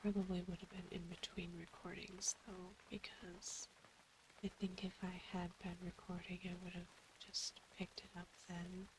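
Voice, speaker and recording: A woman doing soft-spoken gaming ASMR who drifts between gentle speech and unvoiced whispers, thinking aloud and sounding tired. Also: on the low side, flat delivery, normal speed, noisy background. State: tired, yawning. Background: faint rain ambience.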